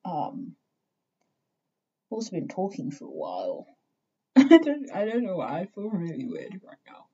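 Young woman, vlogger, husky voice, slow talker, rambling, swears casually, dull lo-fi audio. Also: on the low side, wildly swooping pitch, mellow. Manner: rambling, filler-heavy, swears freely. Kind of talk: casual rambling fan talk. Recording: dull lo-fi recording.

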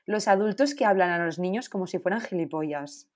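Una mujer con acento de España, copresentadora de un pódcast, en charla informal; habla con franqueza y énfasis, enumerando lo que no soporta. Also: female voice, on the low side, a little fast, a little mellow. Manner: emphatic, candid, complains at length. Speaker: podcast co-host. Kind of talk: casual chat.

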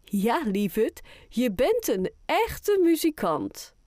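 A woman's voice: fairly high pitch, wildly swooping pitch, takes it slowly, a little mellow, no echo, pitched above the performer's own voice, full character voice. A woman voicing a doting, playful grandmother in a children's audiobook, with an affectionate sing-song delivery. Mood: fond. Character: warm, playful grandmother who loves singing.

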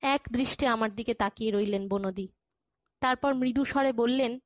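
High-voiced woman reading a story. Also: normal speed, no echo. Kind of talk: first-person story reading.

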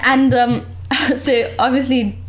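A woman's voice: high voice, level tone, takes it slowly. A young woman telling a story in casual chat, full of "like" and "you know". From Uganda. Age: young adult. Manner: chatty, frequent "like" and "you know".

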